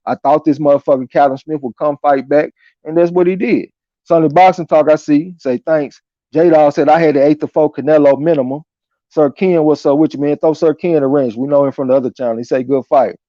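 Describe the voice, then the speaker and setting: A man's voice: on the high side, fairly even intonation, fairly quick, dry recording. A man hosting a live boxing stream in a casual, slangy and profane way, chatting through fight opinions and reading viewer comments aloud. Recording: dull lo-fi audio.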